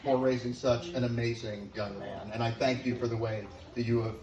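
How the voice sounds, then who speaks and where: A middle-aged man giving a father of the bride wedding speech, sincere and affectionate, with deliberate pauses for the guests. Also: medium pitch, steady tone. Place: large room at a wedding reception, guests present. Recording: echoey, noisy room, distant microphone.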